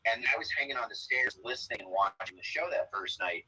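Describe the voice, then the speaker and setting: A man talking casually over a phone on speakerphone, picked up by a laptop mic, telling stories in a loose, rambling way with a husky voice. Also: mid-range voice, animated, quick pace, bright, forceful tone, poor audio. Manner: loose, rambling storytelling with fillers. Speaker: comedian guest. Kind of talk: casual interview chat.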